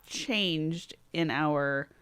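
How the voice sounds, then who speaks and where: Low-voiced teasing female co-host, dry sound. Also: very slow, a bit bright, clean tone, dry recording. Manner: dry, teasing, laughs often. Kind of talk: casual podcast banter.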